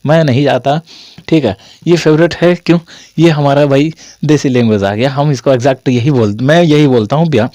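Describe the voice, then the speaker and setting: A man's voice: fairly high pitch, a little mellow, dry recording. A young man teaching a casual online Hindi grammar lesson, chatty and repetitive, with a sore throat from a cold. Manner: chatty, repetitive, jokey asides to students.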